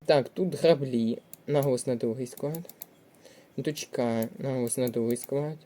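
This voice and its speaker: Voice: medium pitch, fairly quick, mellow. A tutor walking through exam test answers, reading each option aloud with frequent hesitation sounds and checking it step by step. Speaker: language tutor. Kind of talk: exam prep walkthrough.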